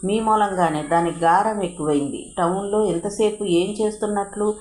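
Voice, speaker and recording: A woman's voice: mid-range voice, moderate pace, a little mellow, a little hiss or hum, lightly acted. A woman doing a fretful scolding grandmother. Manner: scolding, complaining. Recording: roomy echo.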